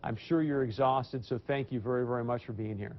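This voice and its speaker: A man's voice: mid-range voice, brisk, dull audio. A man hosting an evening news talk show, speaking emphatically and addressing viewers directly.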